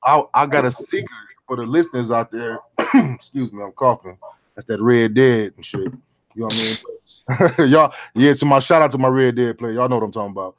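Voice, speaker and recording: A man's voice: medium pitch, a little fast. A middle-aged man hosting a casual round table chat, talking in laid-back, profane street slang. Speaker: podcast host.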